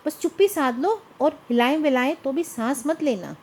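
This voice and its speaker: A woman's voice: sits high, animated, moderate pace, a little mellow. A woman voicing a timid, cowardly young husband who pleads and frets. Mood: fearful. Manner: pleading, fretful.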